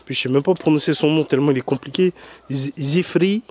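Speaking rapid-fire in a fairly high, slightly mellow voice, a man films an overgrown outdoor garden with a handheld camera mic. His rambling video commentary is casual, slangy, teasing, and playfully complaining.

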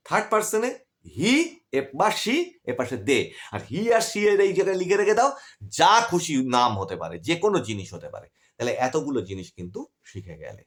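A man with a Bengali accent gives an online grammar class. His voice sits high for a man and swings widely up and down. He keeps asking questions and answering them himself, with a brisk teacher's drive. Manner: lively, rises and drops sharply in pitch, asks questions then answers them.

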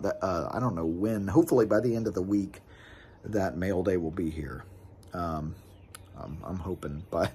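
This frustrated, casual porch rant comes from a sports card collecting vlogger in his thirties, filmed close up on his phone camera outdoors while he gestures with his hands. His voice sits low, with a darkish, husky tone.

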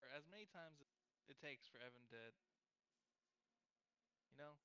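A man's voice: on the high side, moderate pace, sharp tone, smooth, no room sound, poor audio. A man chatting casually while gaming online, his voice cutting in and out over the voice chat, with a dry, teasing manner. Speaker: player in a group gaming stream.

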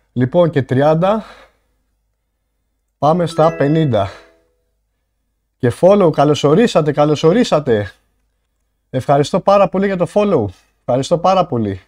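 A male livestreamer with a somewhat high voice, chatting casually with his viewers. He is out of breath and bursts into excited thanks for donations.

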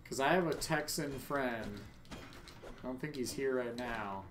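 A man's voice: mid-range voice, unhurried, slight background noise. Brief: man in the middle of his range, live gameplay commentary, swears and jokes with chat. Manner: profane, joking, chats with viewers. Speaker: streamer.

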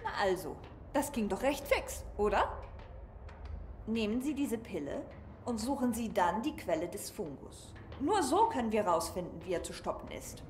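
Brusque, lively-pitched female scientist played by an actress. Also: normal speed, slight background noise, lightly acted. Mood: brusque, dry. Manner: pedantic, curt, matter-of-fact. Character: brusque, clinical female scientist in a hazmat suit. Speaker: scientist character. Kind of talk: dubbed video game dialogue.

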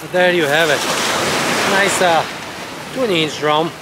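A middle-aged man, casually talking viewers through his fishing on a rocky jetty and getting excited when fish bite. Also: on the high side, unhurried. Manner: chatty, addresses viewers as guys, excited when a fish bites. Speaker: fishing vlogger. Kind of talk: casual outdoor fishing vlog. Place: rocky jetty on a beach by the sea, outdoors. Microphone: chest-mounted action camera. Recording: action camera by the surf, loud wave noise. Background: loud waves and wind.

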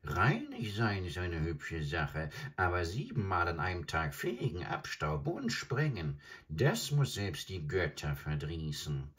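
A man voicing a proud, fussy male crane who croaks out pompous complaints. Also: sits low, huge pitch swings, measured pace, few pauses, a bit bright, full character voice.

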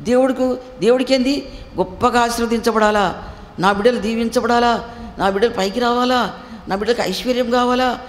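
A woman's voice: on the high side, brisk, pauses often. A woman preacher delivering an emphatic sermon with a Telugu accent, repeating phrases and asking the listeners rhetorical questions. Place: church hall. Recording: echoey hall with faint noise.

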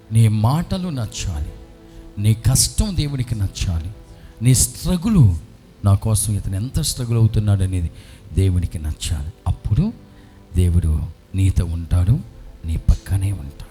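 A man, a priest, preaching a sermon to a congregation and questioning his listeners, his voice swinging between hushed and loud. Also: fairly low pitch. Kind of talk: Telugu sermon at a healing retreat.

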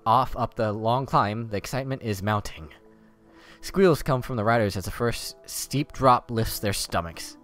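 A man's voice: mid-range voice, a bit bright. A man playing an interactive story game, reading its text aloud and making sarcastic, profane comments. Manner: sarcastic, swears and laughs at the story. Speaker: let's play host.

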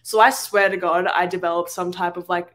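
A woman's voice: lowish voice, steady tone, a little fast, fairly bright tone. A young woman with an Australian accent, co-hosting a casual podcast chat, talking in a rambling way with lots of fillers and restarts. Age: young adult. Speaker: podcast co-host.

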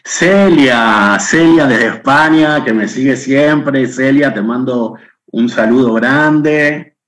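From a room at home, a middle-aged Argentine man hosts a live webinar over his webcam, chatting and greeting viewers by name. His mid-range voice is fairly bright and slow-paced with an Argentine Spanish accent, and the audio quality is poor.

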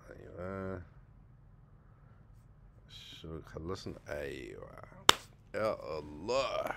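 A man runs a casual exam-prep vocabulary lesson, talking in a low, gravelly voice. He chats loosely and draws out each English word slowly. A faint hiss of noise sits under his voice. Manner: casual, chatty, jumps between Arabic and English, slow deliberate English words.

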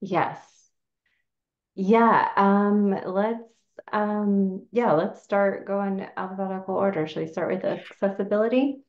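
A woman's voice: mid-range voice, slow, echoey room. A woman running an online meeting, casual and a little hesitant, speaking through a video call. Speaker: meeting facilitator. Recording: dull lo-fi call audio.

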